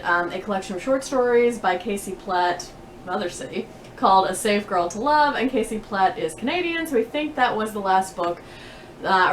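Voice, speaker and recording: A female book vlogger chats to the camera from her bedroom, answering tag questions and laughing easily. Her mid-range voice is fairly bright, and the sound is roomy with faint background noise.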